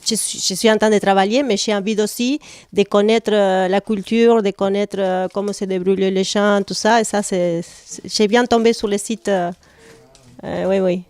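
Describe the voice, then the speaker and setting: A woman's voice: medium pitch, steady tone, normal speed, darkish tone, smooth, no room sound. A woman from Argentina, hesitantly searching for French words as she talks about joining a carnival group. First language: Spanish. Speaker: carnival participant.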